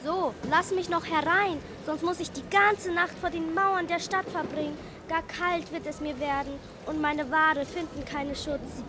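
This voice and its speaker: A woman's voice: high-pitched, steady tone, measured pace, hardly any pauses, noisy background. A woman playing a bitter, vengeful old witch in an audio play, speaking in a theatrical, menacing way. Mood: pleading. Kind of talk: German audio play for children.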